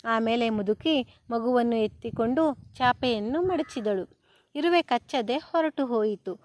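A woman reading a children's story aloud in a calm storybook manner. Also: a little high, no room sound. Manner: slow, even storybook narration.

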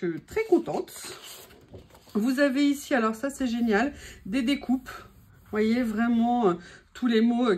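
A woman's voice: a little high, darkish tone. A woman from France chatting casually through a haul of craft papers, enthusiastic and full of hesitations. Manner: enthusiastic, many fillers and hesitations. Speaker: crafting vlogger. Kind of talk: casual product haul chat.

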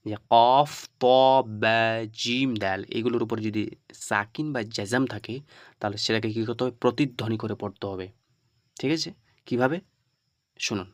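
A man teaching a Quran recitation lesson who asks the listener questions and answers them himself, spelling letters out slowly and repeating them. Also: mid-range voice, no room sound. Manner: slow and repetitive, spelling out the letters one by one. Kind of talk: online tajweed lesson.

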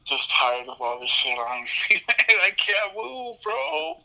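A man's voice: high-pitched, big pitch swings, slow, gravelly, bright, forceful tone, low-quality recording. A man talking on a speakerphone call in a laid-back, slangy way. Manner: laid-back and slangy, says "bro" a lot. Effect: heard over a phone speakerphone. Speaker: phone caller. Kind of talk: casual phone chat.

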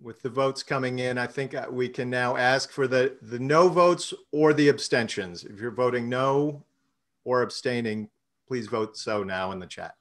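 A man serving as treasurer presents a budget and runs a vote at an online council meeting, speaking in a measured way with many fillers and restarts. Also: mid-range voice, fairly bright tone. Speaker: treasurer and finance committee chair.

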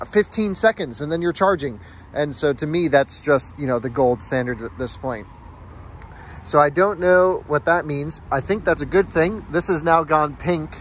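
A man's voice: a little high, slight background noise. Eager young man vlogging outdoors at night. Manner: enthusiastic, thinking aloud. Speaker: car channel host. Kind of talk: casual vlog commentary. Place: outdoors at a car charging station at night. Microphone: phone camera at arm's length.

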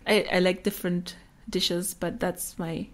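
Slow, easygoing woman who laughs a lot. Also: lowish voice, steady tone, crowd noise. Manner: slow, chatty, laughs often mid-sentence. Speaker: podcast host. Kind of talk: casual chat.

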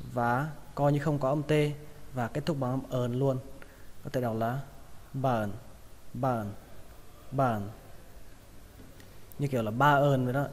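A man teaching English pronunciation, repeating each word slowly in drills. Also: medium pitch, a little mellow, slight background noise. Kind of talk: pronunciation lesson. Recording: long hall reverb.

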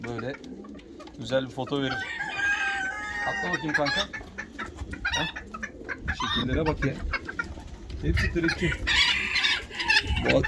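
A man vlogging as a poultry hobbyist, chatting to viewers and softly coaxing his birds to come and calm down. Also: medium pitch. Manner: coaxes birds with soft repeated calls; lively, chatty, addresses viewers directly. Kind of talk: casual vlog, unboxing birds for viewers. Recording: loud background noise with clucking chickens.

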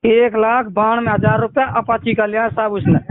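A loud crowd surrounds this phone caller, a man from Mewat, India, whose high voice barely shifts in pitch as he talks at a normal speed. In a Mewati accent he rambles through a complaint, aggrieved and occasionally swearing, over a thin, narrow-band line.

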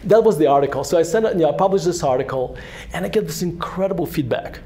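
An author in his forties, invited as the guest of a fireside chat in a synagogue hall, talks fast into a handheld microphone with a Russian accent. His voice runs on the high side, warm and expressive, as he tells meandering, self-mocking stories full of false starts.

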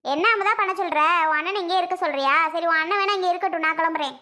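A woman's voice: very high voice, rapid-fire, sharp tone. A woman voicing an impatient sister-in-law in a cartoon, curt and dismissive. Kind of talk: cartoon voice acting.

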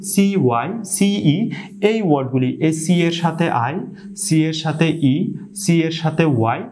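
A man with a Bangladeshi accent giving an explanatory online lesson on English pronunciation, often pausing with "ah" and repeating example words slowly. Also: on the high side, darkish tone.

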